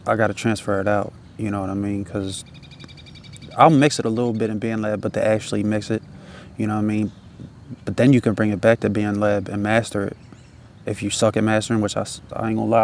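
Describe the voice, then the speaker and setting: Speaking fairly quickly but pausing often, this independent musician has a low, slightly mellow voice with little pitch movement. He rambles in a relaxed stoner drawl full of slang, curses, and recurring tag phrases, over a little hiss or hum.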